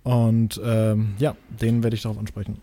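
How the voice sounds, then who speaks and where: A young man co-hosting a podcast in casual chat, lively and jokey. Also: lowish voice, moderate pace. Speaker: podcast co-host.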